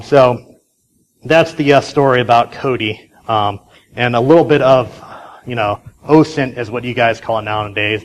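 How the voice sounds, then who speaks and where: A man with a mid-range voice speaks at a conference in a loose, casual way. He tells his story chattily, full of fillers and quick restarts. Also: mid-range voice, rough recording.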